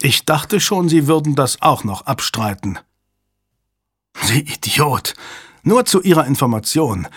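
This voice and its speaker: Narrator voicing a frantic snarling hostage-taker, raised pitch, husky, dry studio sound. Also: male voice, sing-song, unhurried, pauses often, dry recording, heavily acted. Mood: shouting, threatening. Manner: shouting, threatening. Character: desperate cornered male hacker, snarling. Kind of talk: audiobook character voice.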